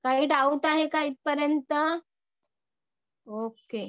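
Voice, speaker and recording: A woman's voice: high-pitched, slow, no echo, muffled recording. A woman teacher with a Marathi accent, reading lines from a story and explaining each one to her class with rhetorical questions. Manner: reads a line, then explains it in plain words with rhetorical questions. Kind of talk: explaining a textbook lesson to a class.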